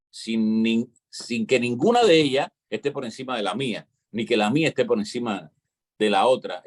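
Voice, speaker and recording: Husky Cuban man explaining at length. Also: medium pitch. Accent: Cuban Spanish. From Cuba. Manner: lecturing, explanatory, peppers talk with "¿entiendes?". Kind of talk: casual talk-show conversation.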